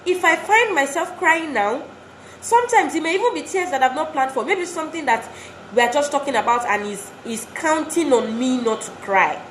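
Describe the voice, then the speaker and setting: In a room with noticeable echo and faint background noise, a woman addresses wives in an earnest motivational talk. Her high, animated voice moves at a moderate pace as she exhorts them and repeats phrases for emphasis.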